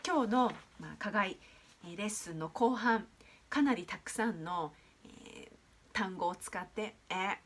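Woman pronunciation teacher, animated intonation, patient and explanatory, lots of filler sounds. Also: mid-range voice. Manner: explanatory, with frequent hesitation fillers.

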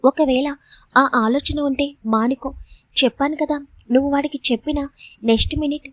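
A woman voicing a scheming young male villain who taunts and threatens in a fast, mocking way. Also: high-pitched, fairly even intonation, no room sound, highs cut off, close to an everyday voice. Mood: taunting.

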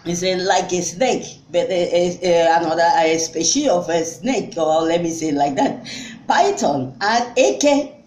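A woman teaching a vocabulary lesson, saying each word slowly and repeating it. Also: on the low side, lively intonation, a little mellow, roomy sound, a little hiss or hum, poor audio. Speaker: language teacher. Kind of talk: slow vocabulary lesson with repetition.

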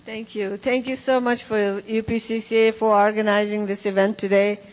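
A woman's voice: medium pitch, little pitch movement, moderate pace. A woman from Nepal giving a formal, gracious debate closing statement on a handheld mic. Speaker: state house candidate. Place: large indoor community hall. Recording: long hall reverb.

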